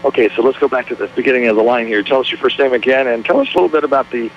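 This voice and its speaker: A man hosts a radio show live from outside an old mill, asking quick, folksy questions. His voice sits in a middle register. The sound is a bit dull, with faint noise behind him. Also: medium pitch. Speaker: radio host on a live remote. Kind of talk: casual interviewing. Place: outdoors at an old mill on location, near a car. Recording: slightly muffled with faint background noise.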